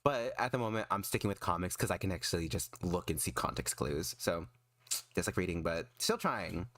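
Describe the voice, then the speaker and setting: A man chatting casually on a livestream in an excitable, emphatic, self-deprecating way. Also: sits low, brisk, no echo. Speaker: streamer and artist.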